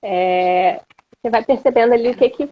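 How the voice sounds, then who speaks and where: Quero uma terapeuta brasileira de voz levemente aguda, falando com calma e didática numa live. A chamada online dela está falhando e atrasando, com som abafado de baixa fidelidade. O tom é de conversa descontraída. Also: female voice, fairly high pitch, normal speed, slight background noise. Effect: internet call audio breaking up and lagging. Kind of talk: casual live-stream chat. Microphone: video call. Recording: muffled lo-fi video call audio.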